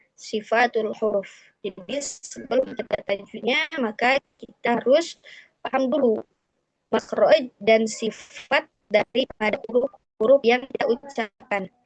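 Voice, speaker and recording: Woman, recitation teacher, slow and explanatory, higher voice, lo-fi dry sound. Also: no echo. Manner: slow, explanatory, repeats key points. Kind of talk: tajwid lesson.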